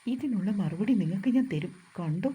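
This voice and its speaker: A woman voicing a feisty, sharp-tongued young wife in a storybook reading, answering back with quick, indignant retorts. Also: medium pitch, lively intonation, slightly rough. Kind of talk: storybook narration.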